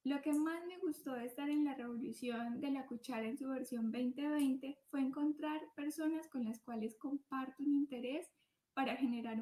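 A woman's voice: sits high, dark tone. A 26-year-old woman from Colombia giving a sincere video testimonial. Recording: roomy, distant mic.

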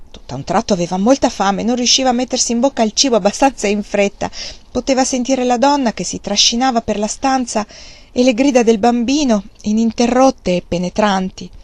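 Woman reading a novel aloud. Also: a little high. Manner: measured, expressive reading. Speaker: reader of a novel. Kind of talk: audiobook narration.

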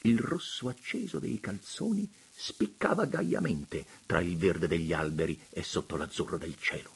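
A man reading a classic novel aloud as narrator, in a theatrical, measured, expressive manner. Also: low voice, creaky, breathy edge. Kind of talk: audiobook reading of a literary novel.

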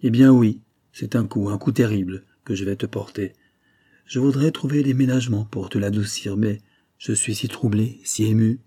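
A man's voice: fairly low pitch, moderate pace, mellow, slightly rough. A man reading as an anxious, pleading older banker. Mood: tender, pleading. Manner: pleading, emotional. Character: distraught middle-aged male banker, earnest and anxious.

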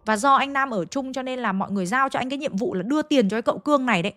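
A woman's voice: high voice, racing, a bit bright, no room sound. A woman with a Hanoi accent retelling a ghost story in a chatty, dramatic way, speaking straight to her listeners. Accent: Hanoi Vietnamese.

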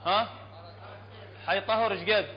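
A man with an Iraqi Arabic accent teaching Quran recitation to a class, explaining plainly, checking often with his students and chanting verses slowly. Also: sits high, fairly even intonation. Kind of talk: classroom tajweed lesson. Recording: dull lo-fi hall recording, faint hum.

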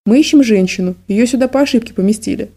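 A woman reading an audiobook voices an anxious middle-aged daughter who pleads softly; her voice is mellow. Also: a little high, fast, breathy edge. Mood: anxious, pleading. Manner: soft, pleading.

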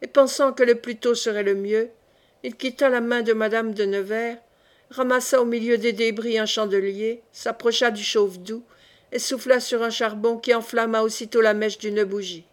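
Lectrice d'audiobook, voix de femme un peu aiguë, lecture posée d'un roman classique. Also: female voice, fairly high pitch, fairly even intonation, normal speed. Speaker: audiobook reader. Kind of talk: audiobook narration.

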